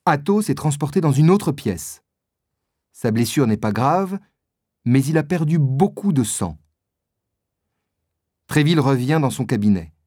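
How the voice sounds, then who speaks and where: A man narrates a storybook in a clear, deliberate way. His voice is fairly high and moves with lively pitch. The recording is dry and close. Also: dry recording. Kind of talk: storybook reading for learners.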